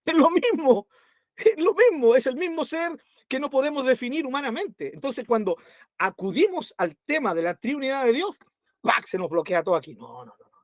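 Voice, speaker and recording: A man's voice: very high voice, sing-song, moderate pace, no room sound, studio quality. A man teaching a Bible study to his congregation, conversational, with constant rhetorical tag questions.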